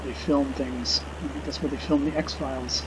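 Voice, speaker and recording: A man's voice: medium pitch, steady tone, noisy background. A middle-aged man giving casual, unscripted flight simulator commentary, hesitant and musing as he goes. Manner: hesitant, musing, unhurried reminiscing. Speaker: video game streamer flying a simulator.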